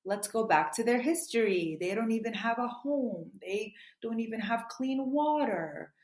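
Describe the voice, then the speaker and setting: A woman author answering interview questions in an earnest, quick way, often saying "you know". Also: fairly high pitch, animated, darkish tone. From United States. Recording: roomy echo.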